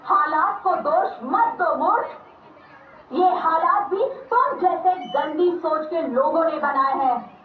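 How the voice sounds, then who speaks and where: A woman's voice: very high-pitched, slow, a little hiss or hum. A woman acting as the vengeful spirit of unborn daughters, declaiming in an accusing, tearful manner, recorded far from the mic in an echoey room. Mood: furious. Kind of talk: amateur drama acting. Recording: echoey room from far off, tinny phone-like sound.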